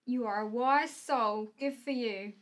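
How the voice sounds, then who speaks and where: A woman with an Essex accent and a slightly high voice chats as a podcast co-host. She is informal and supportive, speaking to listeners like friends. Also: measured pace. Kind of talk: casual chat.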